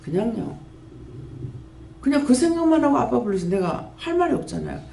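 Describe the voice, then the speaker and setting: Speaking briskly in a gravelly voice, this Gyeongsang-accented woman in her fifties gives a heartfelt testimony from the pulpit of her prayer house. Her storytelling is earnest and full of lively pitch swings, recorded in an echoey space with faint ambience and a little background noise.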